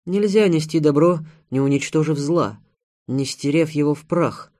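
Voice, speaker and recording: A man's voice: fairly high pitch, normal speed, close to an everyday voice. A man voicing a fanatical preaching woman. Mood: fervent preaching. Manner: intense, preaching, rising to loud declarations. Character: fanatical woman claiming to embody good and evil.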